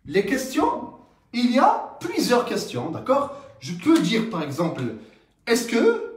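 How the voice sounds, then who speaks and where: A man teaching a French grammar lesson, explaining slowly and haltingly with many fillers and frequent checks like "d'accord?". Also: very high voice, wildly swooping pitch. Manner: slow, halting explanation with many fillers and rising question tags. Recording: roomy, from some distance.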